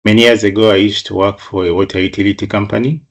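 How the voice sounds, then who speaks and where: A middle-aged man from Uganda giving a webinar presentation over a video call, measured, often repeating words as he goes. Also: lowish voice. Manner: measured, flat delivery with frequent repeated words.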